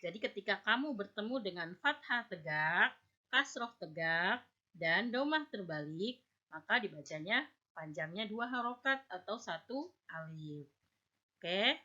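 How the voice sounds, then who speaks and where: A woman teacher giving a patient lesson on recitation, slowly drawing out example words and checking in with her students. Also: mid-range voice, animated, bright, forceful tone. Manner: checks understanding with "ya" and "oke". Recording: dull lo-fi recording.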